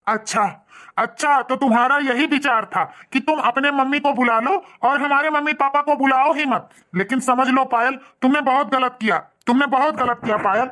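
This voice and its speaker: A woman's voice: high-pitched, fairly even intonation, moderate pace, fairly bright tone. A woman voicing a young husband with an Awadhi accent, who speaks in a complaining, reproachful way. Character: young office-going husband, upset and hurt.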